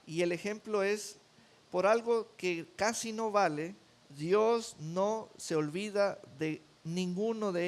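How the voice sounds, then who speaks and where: A man with a high voice delivers a sermon at an unhurried, deliberate pace. He preaches emphatically, repeating key words to drive them home. He is a pastor addressing his congregation.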